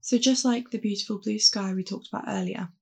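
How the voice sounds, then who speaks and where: Creaky, husky woman guiding a calm grounding exercise. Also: medium pitch, a little fast. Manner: calm, gentle, reassuring instruction. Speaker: meditation guide. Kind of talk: guided mindfulness meditation, calm grounding exercise.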